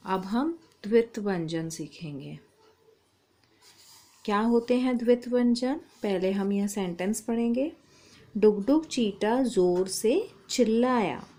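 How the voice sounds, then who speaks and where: A woman teaching young children a Hindi lesson. She speaks slowly and patiently and says each sound and word on its own, at a middle pitch. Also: dark tone. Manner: slow, patient, spells out sounds.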